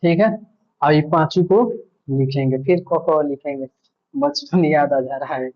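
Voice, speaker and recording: A man teaches an online grammar class at a slow, unhurried pace. His voice sits a little high and stays flat and even. He walks through each point patiently and answers his own questions, on a dull, lo-fi recording. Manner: patient, repetitive, asks himself questions.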